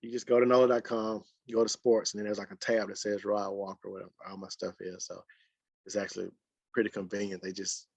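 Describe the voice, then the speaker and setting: A man's voice: lowish voice, flat delivery, fairly quick, gravelly, slightly rough. A man with a Mississippi accent and a country drawl, chatting casually as a guest. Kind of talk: casual chat. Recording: muffled, dry lo-fi sound.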